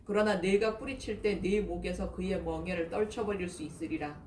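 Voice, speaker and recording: A woman voicing an old father who speaks slowly and solemnly, in a scripture reading. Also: lowish voice, steady tone, darkish tone, natural voice. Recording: echoey, distant, faint noise.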